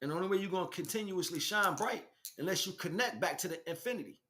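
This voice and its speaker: A spiritual teacher talks fast in a sharp-toned voice that sits high. His lecture is impassioned and casual, rendered in blunt street vernacular and peppered with rhetorical questions.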